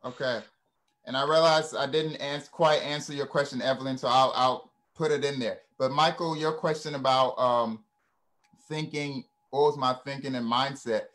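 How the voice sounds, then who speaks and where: A man's voice: mid-range voice, fairly even intonation, moderate pace, a bit bright. A man from Ghana, speaking earnestly in a reflective, storytelling way and often checking in with "right?" and "you know". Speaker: guest speaker.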